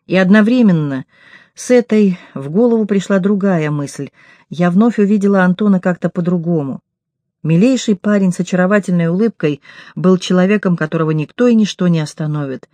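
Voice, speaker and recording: A woman reading a first-person novel aloud in a measured, intimate storytelling manner. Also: fairly low pitch, warm tone, no room sound. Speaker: audiobook reader. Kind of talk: first-person audiobook narration.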